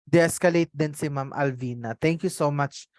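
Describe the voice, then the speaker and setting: Online course trainer, Filipino accent, native Tagalog, medium pitch, Tagalog-English code-switching, interactive teaching with tag questions. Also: normal speed, darkish tone, no room sound, clean studio sound. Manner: mixes Tagalog and English mid-sentence; frequent tag questions checking on listeners. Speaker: trainer leading an online customer service course.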